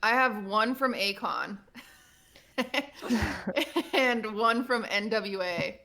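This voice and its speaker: A woman's voice: medium pitch, slow, bright, forceful tone. A woman chatting casually on a group stream, gossiping and laughing often. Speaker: streamer co-host.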